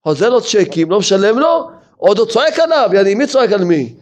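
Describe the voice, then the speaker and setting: A man, a rabbi, giving a sermon as a lively story full of rhetorical questions. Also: sits high.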